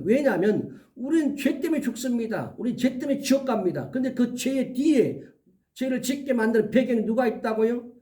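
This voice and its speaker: High-voiced man preaching an earnest sermon. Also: mellow, recorded from a distance. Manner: earnest, emphatic warnings, lists items slowly one by one. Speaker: pastor.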